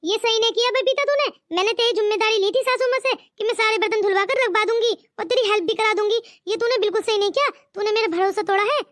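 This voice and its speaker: A woman's voice: very high voice, fast talker, few pauses, a bit bright, no room sound, clean studio sound. A woman voicing a bossy elder sister-in-law in a cartoon, scolding and grumbling.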